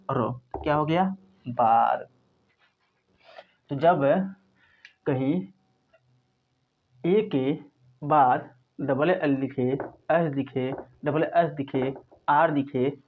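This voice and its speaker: A man teaching a class on English phonics rules, asking questions and answering them himself in a casual, reassuring way. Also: medium pitch. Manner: calls students "बच्चे लोग" and says "यार", casual and reassuring. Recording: tinny phone-like recording.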